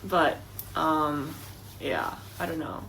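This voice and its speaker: A woman's voice: deep voice, slow, gravelly, a bit bright, slight background noise, rough recording. Rambling giggly young woman. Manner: rambling, many likes and restarts, giggly. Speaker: podcast co-host. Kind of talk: casual chat.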